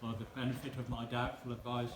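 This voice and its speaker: A man in his seventies rattles through a wedding speech in a mid-range voice with a completely flat delivery. He pokes fun at himself drily and teases the newlyweds in asides. The recording has the roominess of a hall plus faint noise.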